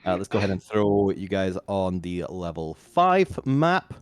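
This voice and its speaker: A man running a tabletop game as game master over voice chat. His mic is too loud and clips, so the sound is distorted. He gives dramatic recaps and banters casually with his players. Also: deep voice, measured pace, no room sound. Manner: dramatic recap narration, relaxed banter between. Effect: loud clipping, distorted mic. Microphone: home computer mic on voice chat.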